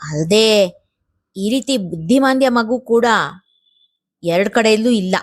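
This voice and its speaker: A woman's voice: medium pitch, slow. A woman reading a family storybook, voicing a suspicious woman relative who speaks in a pointed, insinuating way.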